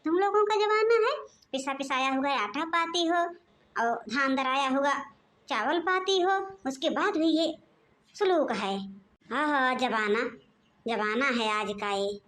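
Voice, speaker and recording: Woman voicing a shrill, bossy old mother-in-law. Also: lively intonation, a little slow. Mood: taunting. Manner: shrill shouting and taunting. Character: domineering arrogant older mother-in-law, bossy, scolding. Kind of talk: cartoon voice acting.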